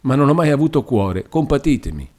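A man's voice: medium pitch, sing-song, brisk, a little mellow, pitched above the performer's own voice, lightly acted. A man voicing an anxious, devout young village woman, speaking in a pleading, earnest way.

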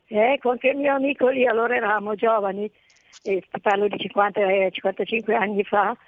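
A woman's voice: mid-range voice, fairly even intonation, brisk, no room sound. A woman in her seventies calling in to a radio show over the phone, chatty and drifting off topic. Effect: heard over a phone line. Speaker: radio caller. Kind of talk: chatty reminiscing call-in. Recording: dry tinny phone line.

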